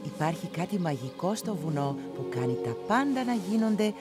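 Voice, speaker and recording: An actress playing a gentle, wise blind grandmother in her old age in a dubbed cartoon, speaking softly and affectionately. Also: lowish voice, very animated, loud music behind the voice. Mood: tender. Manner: soft, affectionate. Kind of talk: cartoon dub.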